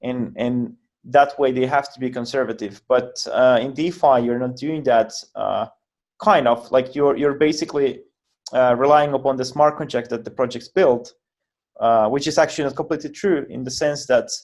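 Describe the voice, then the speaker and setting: Over a video call, a guest founder from Finland gives explanatory interview answers, hesitating and frequently restarting or repeating words. He speaks at medium pitch with fairly even intonation and a slightly mellow sound.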